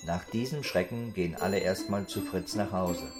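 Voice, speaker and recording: A man's voice: sits low, moderate pace, over music, close to an everyday voice. A man narrating a scripted children's story as an engaged storyteller who speaks to his listeners.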